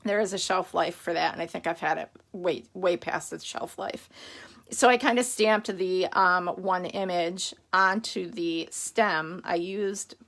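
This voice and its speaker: A woman's voice: on the low side, measured pace, vocal fry, a bit bright. Chatty woman demoing craft stamps. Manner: chatty, rambling, greets viewers by name. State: has the hiccups. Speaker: stamping demonstrator hosting a live stream. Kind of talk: casual live-stream craft demo.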